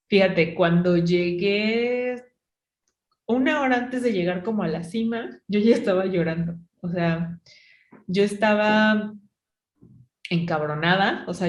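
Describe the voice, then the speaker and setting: A woman's voice: lowish voice, darkish tone, echoey room. Chatty Mexican woman telling a story. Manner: chatty storytelling, many fillers like "o sea" and "¿no?". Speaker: podcast host. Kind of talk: casual chat.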